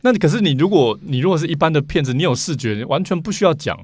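A man's voice: fairly high pitch, expressive, fast, a little mellow, husky, no room sound. A man with a Taiwanese Mandarin accent speaking as an interview guest, explaining things casually and repeating phrases as he goes. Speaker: interview guest, vintage record collector.

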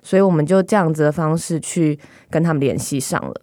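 A woman's voice: sits low, fast, mellow, no room sound, studio quality. A woman journalist with a Taiwanese accent chats as a podcast guest, speaking through a face mask. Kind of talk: conversational podcast discussion.

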